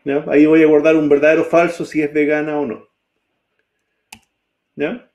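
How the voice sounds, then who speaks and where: A man's voice: fairly high pitch, little pitch movement, normal speed, darkish tone. A man teaching a programming class, typing code as he talks and often checking that students follow. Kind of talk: live-coding class.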